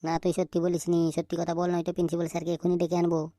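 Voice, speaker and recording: A woman's voice: fairly low pitch, completely flat delivery, mellow, no echo, studio quality, natural voice. A woman doing a stern, scolding male teacher. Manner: threatening, interrogating, quick-talking. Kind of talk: cartoon voice acting.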